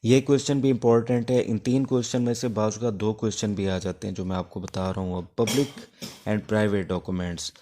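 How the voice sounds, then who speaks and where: A man with a Pakistani accent, his voice on the low side, warm, and fairly even in intonation, gives a casual law lecture for exam prep. English legal terms are woven in, and his instruction comes haltingly, with pauses between phrases.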